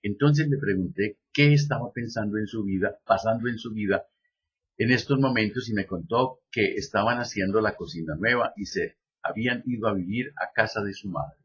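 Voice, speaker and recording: Husky man reading a lecture. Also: lowish voice, a bit bright, muffled recording. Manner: reads steadily, then drops in slow joking asides. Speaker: lecturer on biodecoding. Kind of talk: reading a text aloud with spoken asides.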